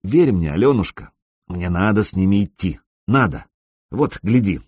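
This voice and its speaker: A man reading an audiobook, voicing a self-assured young male gamer who speaks softly and reassuringly. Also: lively intonation, moderate pace, husky, no echo, clean studio sound. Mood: calm, reassuring. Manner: soft, low and reassuring.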